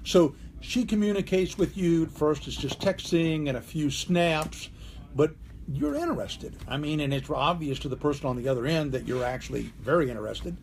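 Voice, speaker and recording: A man's voice: fairly high pitch, lively intonation, moderate pace, vocal fry, a little mellow, a little hiss or hum. A man, a criminal defense attorney, explaining a legal matter in a conversational way, often checking in with the listener. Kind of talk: direct-to-camera legal explainer.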